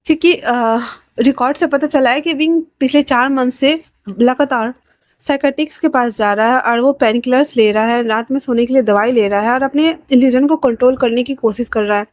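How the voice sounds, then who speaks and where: A woman's voice: sits high, a little fast, dry recording. A woman telling a fan-fiction love story aloud, reading the characters' lines in her own voice and raising it when they cry out.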